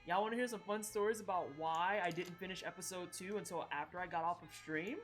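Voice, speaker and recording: A woman streaming while she bakes, telling stories in a profane, animated, chatty way. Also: on the low side, fast, soft background music. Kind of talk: casual live-stream chat while baking. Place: home kitchen.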